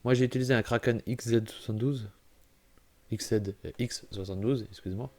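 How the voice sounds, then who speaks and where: Steady in tone and fairly quick, a medium-pitched man with a darkish voice narrates gameplay of a computer-building game for his YouTube channel. Nursing a cold, he clears his throat, corrects himself, chats casually, and frequently apologizes.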